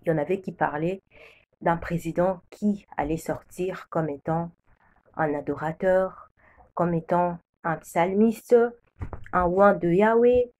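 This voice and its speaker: Here a woman preacher from the DR Congo recounts a prophecy, her solemn statements repeated like a refrain. Her voice sits on the low side and carries a darkish tone.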